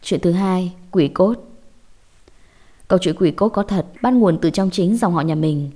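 A woman telling a scripted horror story in a measured, dramatic way. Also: on the low side, mellow.

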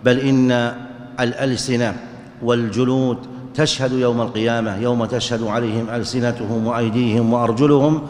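A man giving a religious lesson, explaining texts in a measured, explanatory way and chanting the verses he quotes. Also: mid-range voice, fairly even intonation, darkish tone. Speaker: religious teacher. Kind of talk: explaining hadith in a lecture. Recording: echoey hall with long reverb.

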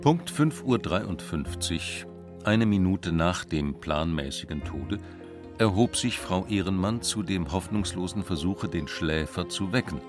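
A man reading a story aloud in a measured, deliberate way for a radio feature. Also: low voice, expressive. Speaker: narrator. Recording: radio feature with music underneath.

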